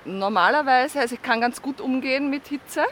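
A woman's voice: high voice, a little fast, fairly bright tone, slight background noise. A woman walking on a riverside promenade, answering a street interview in a chatty, thoughtful way. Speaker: passer-by.

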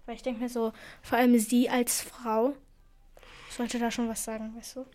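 A teenage girl from Afghanistan chatting casually, telling stories about school in an animated, indignant way. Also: a little high, moderate pace. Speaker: student talking about school. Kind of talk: casual chat.

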